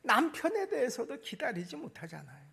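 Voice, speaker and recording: A man preaches from the pulpit of a church. His voice sits high and rises and falls with energy. The tone carries a gravelly rasp and a husky edge, and he jumps from loud emphasis to quiet, low asides. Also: huge pitch swings, normal speed. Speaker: pastor. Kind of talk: sermon. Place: church sanctuary.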